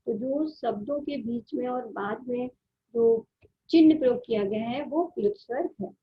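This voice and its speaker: A woman teacher giving a grammar lesson, explaining slowly and drawing out the sounds she demonstrates. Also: on the high side, expressive, lo-fi sound. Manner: slow, drawn-out explanation with repeated vowel sounds.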